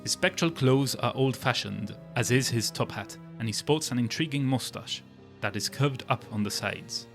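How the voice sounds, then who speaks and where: A man's voice: medium pitch, normal speed, creaky, fairly bright tone, faint music behind. A man narrating a tabletop fantasy game as game master, with descriptive storytelling.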